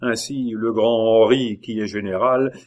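A sly jester thinking aloud, low and hushed, wry in his reasoning , as a man voices him. The talk stays soft and inward. Storybook reading. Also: fairly even intonation, unhurried, close to an everyday voice. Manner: quiet, wry aside.

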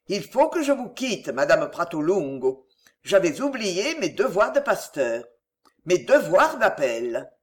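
An audiobook reader voicing a pompous, stern elderly country rector who lectures and moralizes. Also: medium pitch. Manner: sermonizing, indignant.

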